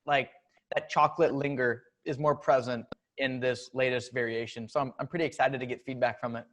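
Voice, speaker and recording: A man's voice: medium pitch, fairly quick. A man hosting, casually explaining how a chocolate bar was developed and what subscribers get. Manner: relaxed, explanatory. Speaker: host. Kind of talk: casual product talk.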